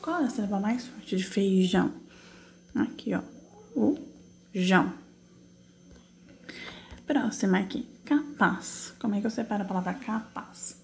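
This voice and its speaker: With a medium-pitched, expressive voice touched by vocal fry, a woman teacher goes over exercises online, patiently raising questions and then answering them herself in steps. As she types, she spells things out slowly, syllable by drawn-out syllable, and the audio carries a little hiss or hum.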